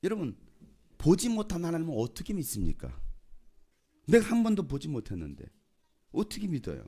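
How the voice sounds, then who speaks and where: A man's voice: fairly high pitch, wildly swooping pitch, fairly quick, dark tone, husky. A man preaching as pastor, often questioning the congregation and repeating their answers. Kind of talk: sermon.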